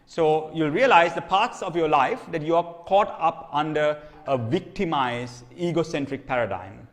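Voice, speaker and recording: Preaching at a normal speed, this man has a slightly high, expressive voice and teaches in a conversational way. Recorded in a long-reverb hall, he keeps asking "okay?" to check in and tends to repeat or restart his phrases.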